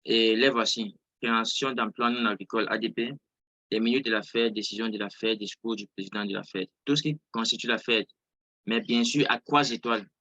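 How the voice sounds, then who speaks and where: On an online video call, a man who is not a native French speaker gives a casual live trading lesson, restating and rewording points to stress them. His fairly low voice is sharp and fairly even in intonation, he speaks fairly quickly, and the close-miked recording sounds muffled with no room sound.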